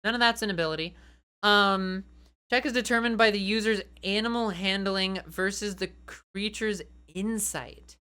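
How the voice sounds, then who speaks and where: Woman doing snarky game rules commentary, bright punchy voice, kinda incredulous, leans hard on words. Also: mid-range voice, moderate pace, clean tone. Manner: sardonic, incredulous, swears freely. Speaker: voice actor reviewing tabletop game homebrew. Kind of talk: animated comedic commentary on read-out rules.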